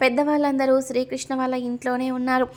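A woman's voice: high voice, flat delivery, quick pace. A woman reading out a long family story as scripted narration, voicing the dialogue lines with only small changes to her plain voice.

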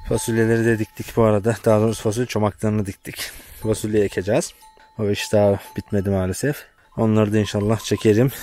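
A man's voice: lowish voice, a little mellow. Man, from Turkey, farmer vlogging outdoors, casual and chatty, fond with his animals, faint background noise. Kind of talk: casual vlog narration. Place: outdoors on a village farm.

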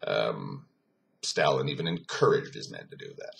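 A man's voice: rumbling low, very animated, moderate pace, creaky, a bit bright, a little hiss or hum. A man giving an informal philosophy talk, telling a story with emphasis, many fillers and a rambling flow.

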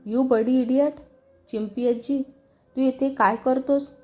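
A fiery young woman from a storybook, quick to anger and full of insults, as a woman narrator reads her. Her mellow voice is pushed up and loud when she snaps back. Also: on the high side, steady tone, faint music behind, close to an everyday voice. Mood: angry. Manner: angry, shouting insults.

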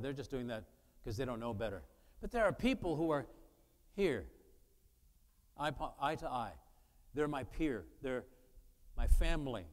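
Brief: male pastor, lively pitch, story-driven sermon, echoing church hall. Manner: animated storyteller, voices both sides of conversations. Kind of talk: conversational sermon with acted-out dialogue. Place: church sanctuary.

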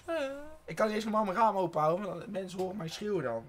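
A man giving rambling live gameplay commentary from his bedroom, voice a little strained, with excited outbursts and swearing. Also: high voice, quick pace. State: slightly strained voice. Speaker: gaming YouTuber. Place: his own warm bedroom.

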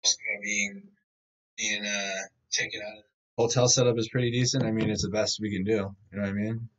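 A man's voice: lowish voice, level tone, a little fast, a bit bright. A man with a tinny, tin-can laptop-mic voice. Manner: reads headlines, stumbles and restarts words. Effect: tinny, tin-can sounding laptop mic. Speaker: live-stream news host. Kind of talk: casual news rundown. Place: hotel room. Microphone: laptop microphone.

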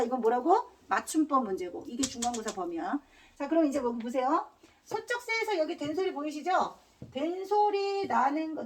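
Woman, teacher, grammar lecture, quizzing questions, casual slang, animated intonation, a bit off-mic. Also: high voice, far from the mic. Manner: drills students with repeated questions. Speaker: Korean language teacher. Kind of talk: classroom lecture.

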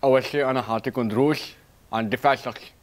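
A man's voice: medium pitch, steady tone, racing, close to an everyday voice. A man playing a cocky Lebanese self-defense coach. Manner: mixes English words into speech, overconfident. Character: boastful bumbling male self-defense coach. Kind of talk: comedy sketch.

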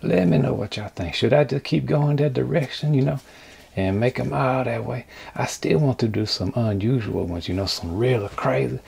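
A man's voice: medium pitch, moderate pace, creaky, darkish tone, husky. A man hosting a casual workshop vlog, rambling in a folksy, joking way to his viewers. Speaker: craft channel host. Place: indoor workshop.

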